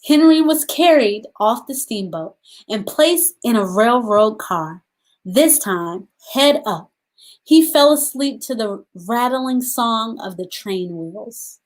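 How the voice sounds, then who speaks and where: A storytime host with a fairly high voice reads a picture book aloud to children, expressively and very unhurriedly. She pauses between short phrases and asks her young listeners questions to check in with them.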